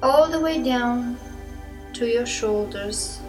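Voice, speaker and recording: Slow soothing woman over new-age music. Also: a little high. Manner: soft, slow, soothing instructions. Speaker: hypnotist. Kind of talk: slow guided hypnosis induction. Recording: music bed behind the voice.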